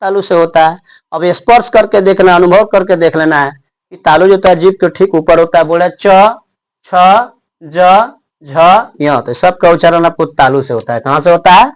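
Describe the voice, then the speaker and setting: Young-sounding male teacher. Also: high voice. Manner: asks questions and answers them himself, slows down to sound out letters. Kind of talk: classroom lesson.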